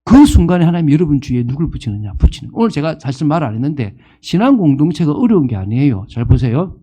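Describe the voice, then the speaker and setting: A man's voice: on the high side, big pitch swings, fast talker, mellow. A man in his fifties preaching a sermon as pastor, asking the congregation questions and acting out the people he quotes. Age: 50s.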